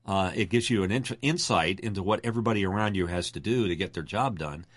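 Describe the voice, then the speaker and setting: A man's voice: low-pitched, fast, dry recording, studio quality. A middle-aged man, a radio announcer, telling stories in a casual interview with a projected announcer delivery.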